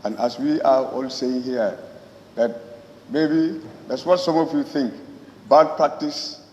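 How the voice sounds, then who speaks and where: A man with a Gambian accent gives a parliament speech at a middle pitch, phrasing deliberately and haltingly. The sound is muffled and reverberant, as in a big chamber. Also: fairly even intonation, a little mellow. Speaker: member of parliament. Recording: echoey hall, muffled, faint noise.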